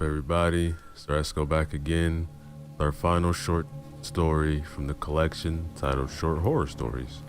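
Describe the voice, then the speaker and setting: Deep-voiced male narrator for horror story readings, calm and low-key.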